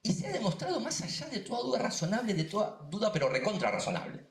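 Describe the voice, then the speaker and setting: A man's voice: sits high, roomy sound. A man with a Rioplatense Spanish accent, a neuroscientist and science communicator giving an emphatic seminar talk full of asides and repetitions. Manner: emphatic, animated, quick, with many asides and repetitions. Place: lecture room.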